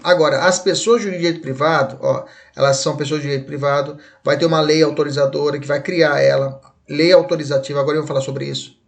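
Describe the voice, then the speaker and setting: A man with a Brazilian Portuguese accent teaching law in a recorded online lecture, chatty and keeps checking in with his students. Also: on the high side. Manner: uses playful memory tricks.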